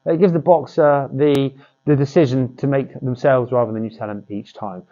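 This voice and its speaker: A man's voice: mid-range voice, steady tone, normal speed, warm tone, dull audio. A man coaching boxing pad work, demonstrating drills with short cues and encouragement.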